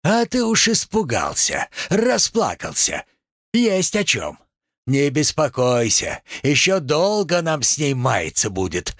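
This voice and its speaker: A harsh older matriarch giving sharp orders in a raised voice, as a male reader puts her on. The voice is husky, and the pace is slow and deliberate. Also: a little high, wildly swooping pitch, no room sound, studio quality, pitched above the performer's own voice, full character voice. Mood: scolding. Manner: scolding, commanding. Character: stern, domineering older mother-in-law.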